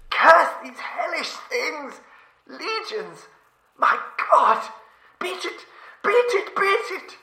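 A man voicing a terrified, doomed explorer pleading from a crypt, shaky and hoarse with fear, in an audiobook horror tale. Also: very high-pitched, sing-song, slow pace, pushed and bright, echoey room, voice pushed up, full character voice. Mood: shrieking terror. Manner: urgent, pleading, breaking into shrieks.

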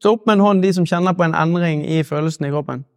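A man giving a live motivational talk to an audience, leading a guided exercise with slow, measured pauses. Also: fairly high pitch, no room sound, studio quality. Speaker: motivational speaker.

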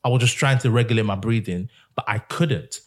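A man's voice: fairly low pitch, brisk. A young man from the United Kingdom hosting a casual podcast chat with his mother, telling stories and laughing often. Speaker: podcast host.

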